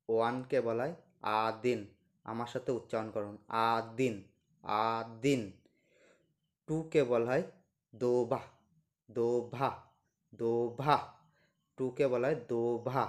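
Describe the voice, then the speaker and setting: A man teaching a language lesson, slowly repeating each word several times for learners to copy. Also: mid-range voice, a little mellow. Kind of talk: slow repetitive pronunciation lesson.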